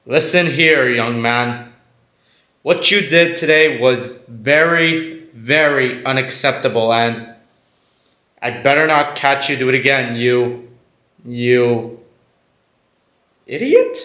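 A man's voice: mid-range voice, takes it slowly, long pauses, sharp tone, reverberant. A man playing himself in a comedy skit, talking in a nervous, confused way.

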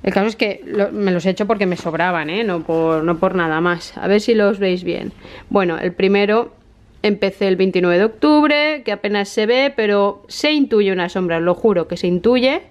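A woman in her thirties with a Spain Spanish accent, chatting excitedly to camera in a casual vlog. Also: medium pitch, moderate pace. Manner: chatty and excitable, often laughing. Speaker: vlogger.

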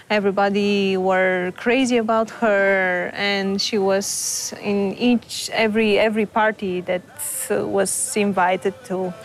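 Slow-speaking Bulgarian woman. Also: mid-range voice. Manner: slow, searching for words. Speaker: model. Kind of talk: interview. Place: outdoor garden. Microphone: lapel.

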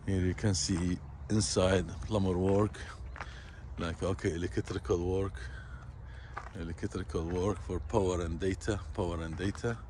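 Deep flat guy explaining site work, repeats himself, phone mic outdoors. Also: noisy background. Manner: plain, repetitive, halting phrasing. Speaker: construction site supervisor. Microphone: phone camera held by the speaker.

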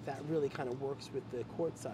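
A woman's voice: rumbling low, fairly even intonation, fairly quick. A woman on a walkthrough in a big stone warehouse, talking with enthusiasm and admiration, restarting her sentences as she thinks aloud. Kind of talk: casual on-site walkthrough. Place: large stone slab warehouse, indoors. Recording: noisy warehouse recording.

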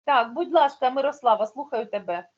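A woman's voice: high-pitched, a little fast, lo-fi sound. A woman teaching a primary school class online, explaining patiently step by step.

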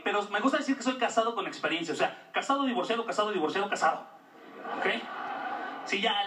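A Mexican man doing a stand-up routine, crude, slangy and self-mocking. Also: high-pitched. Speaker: stand-up comedian. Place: comedy stage before an audience. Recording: roomy club audio, distant mic, noisy.

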